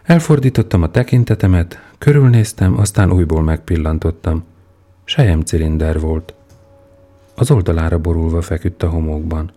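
A man narrating a first-person story as an audiobook reader, in a measured, unhurried manner. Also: sits low, mellow.

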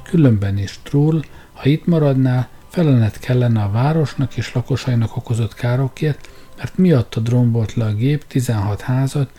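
A man's voice: medium pitch, dark tone, lightly acted. A man voicing a stern, cold town mayor. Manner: cold and formal.

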